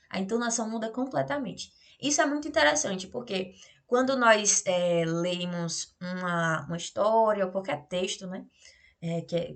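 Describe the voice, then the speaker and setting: A woman teacher with a Brazilian Portuguese accent gives a remote grammar lesson. She explains in a chatty way, keeps checking in with tag questions, and acts out the example sentences with lively intonation. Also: medium pitch.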